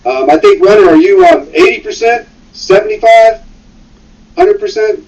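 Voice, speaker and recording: A man's voice: sits high, big pitch swings, moderate pace, darkish tone. A man chatting casually on a call, hesitant with many fillers and restarts. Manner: hesitant, lots of ums and restarts. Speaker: guest caller on a stream. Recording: dull, distant call audio with faint music.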